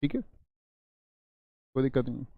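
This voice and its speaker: A man teaching Hindi grammar in a live online class, repeating key phrases slowly, quizzing viewers and answering their chat. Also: medium pitch, flat delivery, vocal fry, dry recording, phone-quality sound. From India.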